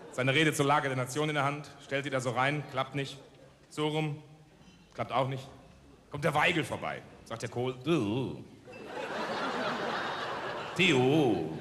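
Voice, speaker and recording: A man telling jokes briskly as a carnival comedian in a comic speech. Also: mid-range voice. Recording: roomy hall, clear crowd noise.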